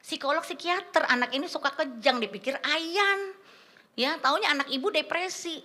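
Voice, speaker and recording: A woman preaching a testimony sermon to a church congregation, animated and full of slang, calling the listeners "saudara". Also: high voice, normal speed. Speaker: guest preacher. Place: church service before a congregation.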